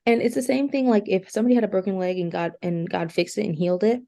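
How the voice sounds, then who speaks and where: A woman's voice: mid-range voice, vocal fry, mellow. A woman co-hosting a podcast in casual chat, explaining her views earnestly. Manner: earnest, explaining, with quick laughs. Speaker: podcast co-host.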